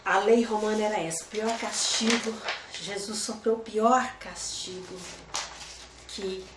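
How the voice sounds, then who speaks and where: A woman's voice: mid-range voice, steady tone, unhurried, reverberant, background noise. A woman teaching a Bible study lesson in a conversational way, often asking her listeners rhetorical questions.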